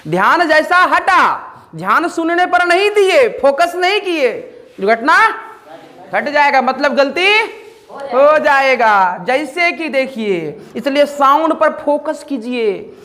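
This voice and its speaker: A man's voice: very high-pitched, animated, slow pace, bright, forceful tone. A man teaching an English grammar lesson, repeatedly asking the class questions and answering them himself.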